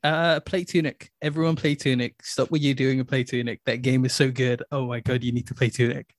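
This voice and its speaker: A man's voice: mid-range voice, level tone, fairly quick, dry recording, clean studio sound. A man co-hosting a casual gaming podcast, enthusiastic, with many restarts. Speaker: podcast co-host. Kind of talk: casual chat.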